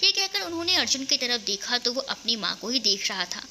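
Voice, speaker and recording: A woman narrating a romantic family story in a steady, even reading. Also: fairly high pitch, a little fast, a little hiss or hum.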